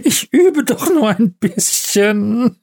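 A man's voice: fairly high pitch, sing-song, measured pace. A man voicing a giddy, stoned old Santa Claus who giggles and slurs his words. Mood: giggly. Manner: giggling, slurred mumbling.

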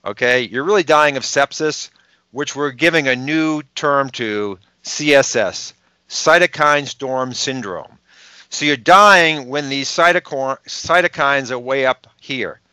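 Bright, emphatic man with a Boston accent. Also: mid-range voice, smooth, dry recording. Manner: emphatic, rhetorical questions, quick asides. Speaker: podcast guest, health researcher. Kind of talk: explanatory interview talk.

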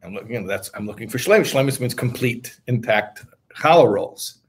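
A man teaches a religious text in a husky voice. He talks in short, discursive bursts. He stops to explain each term as he goes. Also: mid-range voice, expressive, normal speed. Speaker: Torah teacher.

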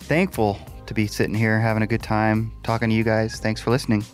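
A man's voice: on the low side, monotone, brisk, faint music behind. A man co-hosting a podcast, trading jokey, upbeat banter. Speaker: podcast co-host. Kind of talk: casual podcast chat.

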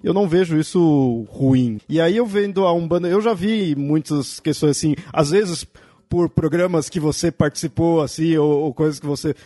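A man's voice: on the high side, normal speed, dark tone, no room sound, clean studio sound. A Brazilian man hosting a podcast interview, thinking aloud hesitantly with many fillers. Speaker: podcast host. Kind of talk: casual conversational interview.

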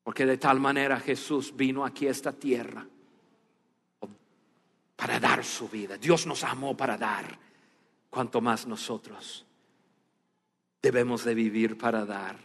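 A man preaching a sermon, telling a story with animation and then speaking in a hushed, earnest tone. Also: mid-range voice, steady tone, measured pace, long pauses, slightly rough. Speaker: pastor. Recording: long reverb of a church hall.

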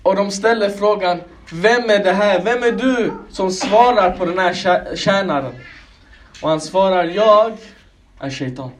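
A man preaching a sermon, calling his listeners brothers and sisters and pressing them with one rhetorical question after another. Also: high-pitched. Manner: clears his throat now and then.

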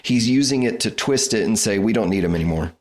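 Lowish male podcast co-host, thoughtful and analytical. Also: lively intonation, fast talker. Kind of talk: casual chat.

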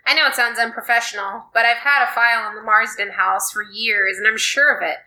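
A woman's voice: a little high, fairly even intonation, a little fast, sharp tone, poor audio. A woman reading the lines of a middle-aged male detective with a pipe, read aloud from a story card. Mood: serious.

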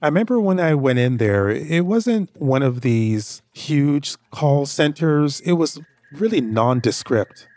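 A man's voice: fairly high pitch, expressive, unhurried, a little mellow, no echo, clean studio sound. A man hosting a story podcast, telling a personal anecdote in a casual, rambling way that repeats itself. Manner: rambling, repeats himself, conversational. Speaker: podcast host.

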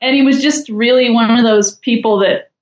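Casting note: chatty woman guest, wry and gossipy, higher voice, roomy dull-sounding line. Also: fairly even intonation, moderate pace. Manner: wry, chatty, judgmental humor. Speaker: podcast guest. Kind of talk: casual chat.

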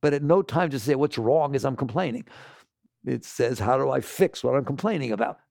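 A man giving an animated talk to an audience, scolding and asking rhetorical questions. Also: mid-range voice, brisk, gravelly, no room sound, clean studio sound.

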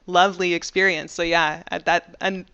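A woman hosting an interview, thoughtful and a little halting, with warm asides. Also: lowish voice, flat delivery, clean tone, highs cut off. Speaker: podcast host. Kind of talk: casual interview.

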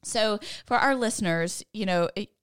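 A woman's voice: medium pitch, moderate pace, no echo, clean studio sound. A woman in her thirties co-hosting a podcast, chatting casually and acting out story characters with voices. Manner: animated, laughing, acts out quotes in a gruff voice. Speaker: podcast co-host. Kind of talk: casual chat retelling a Bible story.

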